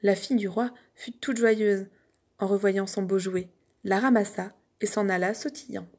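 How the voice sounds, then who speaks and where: A woman reading a fairy tale aloud in steady, expressive storybook narration. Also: medium pitch, moderate pace.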